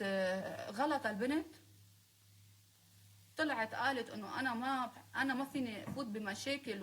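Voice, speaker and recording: A woman's voice: high voice, a bit bright. A woman with a Lebanese accent, speaking on a live stream in a heated, confrontational and sarcastic rant, scolding her critics.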